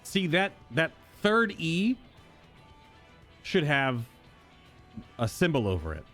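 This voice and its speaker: A man's voice: on the high side, huge pitch swings, takes it slowly, a bit bright, soft background music. A man giving casual commentary as he plays through a game. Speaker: game streamer.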